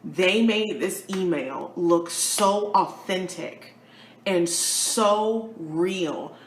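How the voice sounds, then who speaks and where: A woman telling a storytime on her vlog, chatty and animated, acting out what people said with big jumps in pitch. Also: very slow, reverberant, slight background noise. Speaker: YouTuber and kindergarten teacher.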